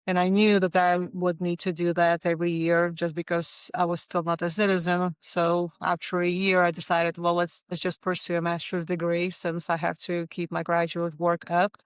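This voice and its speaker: A woman's voice: lowish voice, smooth, no room sound. A woman, a school superintendent giving earnest interview answers with many fillers. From Latvia. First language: Latvian.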